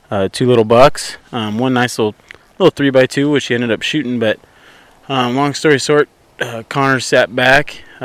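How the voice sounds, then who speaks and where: Young man with lowish voice, campfire storytelling. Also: no echo. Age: young adult. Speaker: podcast guest. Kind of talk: casual storytelling. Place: outdoors by a campfire.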